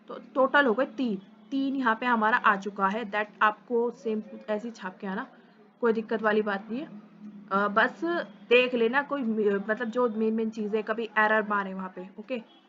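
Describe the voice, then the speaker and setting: Brisk, bright-voiced woman teacher. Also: a little high, a little hiss or hum. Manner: brisk, reassuring, mixes English terms into Hindi. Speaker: programming teacher. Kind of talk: casual classroom lecture. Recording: dull lo-fi recording.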